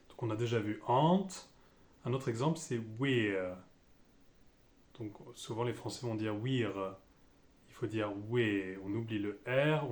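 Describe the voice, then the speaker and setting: A man with a French accent teaching English pronunciation, speaking slowly and deliberately and repeating each example. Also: mid-range voice. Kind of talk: pronunciation lesson.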